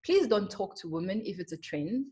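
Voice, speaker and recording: A woman's voice: mid-range voice, big pitch swings, moderate pace, mellow. Earnest young South African woman presenting. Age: young adult. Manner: earnest, emphatic, frequent ums. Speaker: marketer. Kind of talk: webinar presentation.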